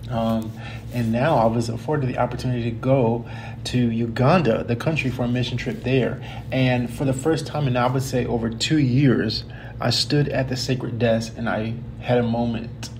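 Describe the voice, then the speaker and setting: A man's voice: mid-range voice, fairly even intonation, moderate pace, a little mellow, slight background noise. Earnest man rambling, with a slight cold. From United States. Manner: earnest, rambling with self-corrections. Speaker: podcast host. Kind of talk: casual personal talk.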